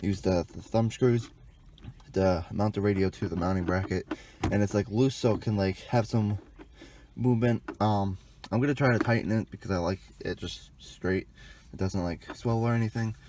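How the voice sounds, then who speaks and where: In a low, slightly mellow voice with fairly even intonation, a young adult vlogger demonstrates fitting a car radio at normal speed. He works around a parked car outside, rambling informally with some mild swearing, and the recording has a little hiss or hum.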